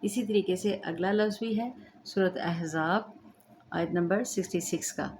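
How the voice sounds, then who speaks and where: A woman's voice: on the low side, moderate pace, a little mellow, slight background noise. A woman teaching the rules of Quran recitation, patiently explaining step by step and checking that students understand. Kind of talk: slow tajweed lesson with chanted recitation.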